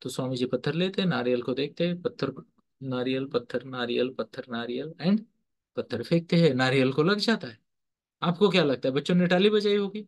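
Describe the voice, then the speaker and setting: A man's voice: mid-range voice, fairly quick. A man giving a motivational storytelling lecture as a teacher and counsellor, mixing Hindi with English phrases and checking in with his listeners through repeated questions.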